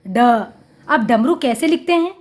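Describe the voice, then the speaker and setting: High-pitched slow woman teaching children. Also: animated, darkish tone. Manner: slow, drawn-out syllables with emphatic repeats; addresses children directly, patient explaining. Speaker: primary school Hindi teacher. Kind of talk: syllable-by-syllable reading lesson for young children.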